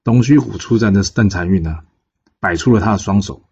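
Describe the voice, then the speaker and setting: Husky man telling a folk tale. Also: fairly low pitch. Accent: Taiwanese Mandarin. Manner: relaxed, frequent drawn-out pause particles. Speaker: storyteller. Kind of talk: casual storytelling narration. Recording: dull lo-fi podcast recording.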